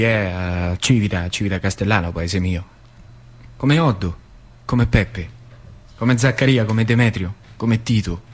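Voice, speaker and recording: A husky voice on the low side belongs to a stage actor who plays an old factory worker of working-class background. With a northern Lazio accent from central Italy, he rambles through a confiding, reminiscent theatrical monologue.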